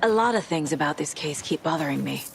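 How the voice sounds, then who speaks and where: A woman playing a composed, curious FBI agent in a video game, speaking in a measured, matter-of-fact way. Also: low-pitched, expressive, creaky, a little hiss or hum. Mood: composed, reflective.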